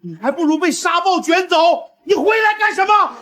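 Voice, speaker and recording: A greedy trucking boss with a startlingly high voice, played by a man. He lords it over his crew with shouted insults, and his pitch leaps wildly from line to line. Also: big pitch swings, brisk, slight background noise, full character voice. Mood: raging. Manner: domineering, yelling insults. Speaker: company boss.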